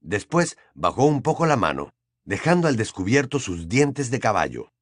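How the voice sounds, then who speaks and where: A male narrator reading a novel aloud with lively, swooping intonation. His voice sits at a middle pitch and is recorded close and dry, with no room sound. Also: moderate pace, no echo. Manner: expressive storytelling. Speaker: audiobook narrator. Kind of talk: scripted narration.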